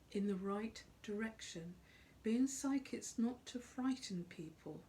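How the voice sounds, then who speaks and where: A middle-aged or older woman speaking off the cuff as a psychic, in an earnest, emphatic way with deliberate, repeated phrasing. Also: mid-range voice, mellow, slight background noise, rough recording. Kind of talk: unscripted spoken monologue on spiritual life.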